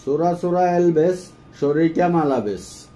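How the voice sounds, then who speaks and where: A man giving a phrase-by-phrase language lesson, saying each phrase and then repeating it slowly and carefully. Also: on the high side, animated, mellow. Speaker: language teacher.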